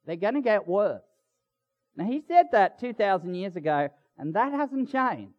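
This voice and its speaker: A man preaching a sermon as a Baptist minister, speaking with warm pastoral emphasis. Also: unhurried. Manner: lively, swinging pitch with warm pastoral emphasis. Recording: dull lo-fi sound.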